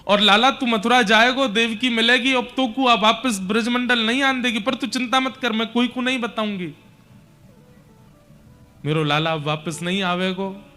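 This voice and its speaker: A man's voice: high-pitched, animated, measured pace, bright, forceful tone, faint music behind, full character voice. A man voicing a grieving, devoted village mother who pleads tenderly in a rustic Braj accent.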